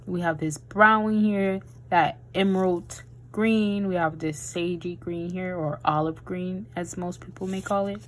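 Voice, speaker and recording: A woman's voice: lowish voice, fairly even intonation, unhurried, hardly any pauses, rough recording. A woman in her twenties chatting casually while swatching nail gels, with a tired voice and a rambling, chatty way of talking. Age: 20s. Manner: chatty, rambling, says "y'all". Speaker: beauty vlogger.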